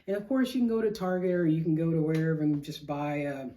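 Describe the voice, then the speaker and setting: A woman's voice: low voice, fairly even intonation, fast talker, warm tone. A middle-aged woman hosting a craft vlog, chatting casually in a rambling, slangy way with self-deprecating humor. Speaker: craft show host.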